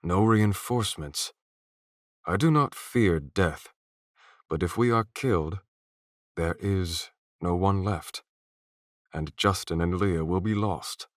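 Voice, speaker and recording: A man voicing a solemn male knight who speaks quietly, deliberately and resolutely. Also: sits low, no echo, studio quality.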